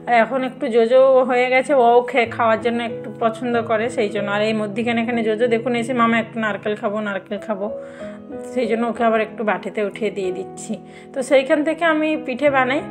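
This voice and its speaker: Young woman vlogger, chatty and fast-flowing, a touch high, cooking at home with music behind her. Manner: talkative, says she talks a lot and loudly. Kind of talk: casual chatty cooking vlog. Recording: background music under the voice.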